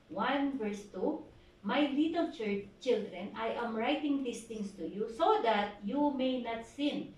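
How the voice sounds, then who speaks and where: In an echoey church hall, a woman pastor with a Filipino accent and a fairly high-pitched voice preaches a sermon exhortation at a prayer meeting. She asks the congregation questions and reads scripture slowly, recorded from far off with faint noise.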